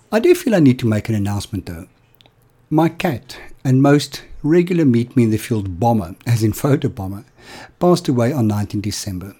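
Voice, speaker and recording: A man hosting a podcast, introducing episodes and interviewing guests, animated and quick to laugh. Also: mid-range voice, slightly rough. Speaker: podcast host.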